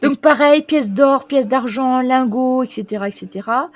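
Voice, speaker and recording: A woman running a tabletop role-playing game as game master, reading out a long list with many pauses and fillers, stumbling over foreign names. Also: sits high. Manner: reads foreign names haltingly.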